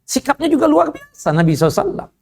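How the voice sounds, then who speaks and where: A man's voice: very high voice, sing-song, very fast, gravelly, darkish tone. A man giving a casual religious study lecture, chatty and acting out little dialogues with his listeners. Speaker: Islamic religious teacher.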